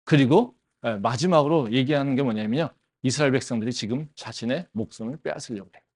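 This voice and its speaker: A man's voice: mid-range voice, fast. A man preaching a sermon as pastor of a campus church, talking animatedly and asking the congregation rhetorical questions. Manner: animated, with rhetorical questions and frequent affirming interjections.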